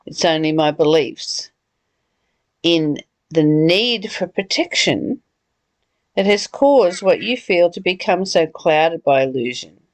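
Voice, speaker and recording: Slow and expressive, this woman's voice sits on the low side and carries no room sound. She leads a reflective spiritual discussion as a study group leader, earnest in tone and fond of rhetorical questions and repeated phrases.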